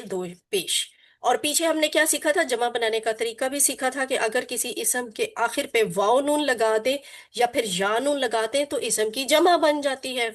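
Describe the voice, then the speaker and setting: A woman teaching a Quran Arabic class, drilling her students with repetition and call-and-response and mixing in English terms. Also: high-pitched. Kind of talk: online class lesson.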